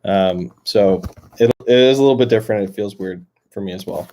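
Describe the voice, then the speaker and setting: A young Canadian man with a Canadian accent hosts a live stream outdoors near a lake, chatting casually and reading out viewer comments. His voice is lowish and darkish, a little fast, and he rambles with heavy fillers and many restarts over slight background noise.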